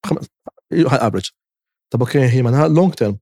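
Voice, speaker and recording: A man's voice: mid-range voice, lively intonation, a little fast, a little mellow, breathy edge, no echo, studio quality. A man, a guest giving emphatic investment advice in a casual interview and acting out what other people say.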